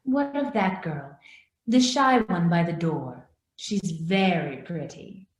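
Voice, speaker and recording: A woman's voice: on the low side, animated, slow. Roomy echo, woman acting probing Christmas ghost, pointed questions, swooping intonation, radio play. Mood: curious. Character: probing, brisk Ghost of Christmas Past spirit. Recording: roomy, echoing sound.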